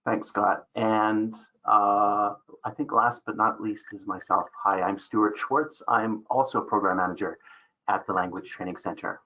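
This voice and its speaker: A man hosting an online webinar as a program manager, speaking in a relaxed way with many fillers. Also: on the low side, a little slow. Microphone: video call. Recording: dull lo-fi call audio.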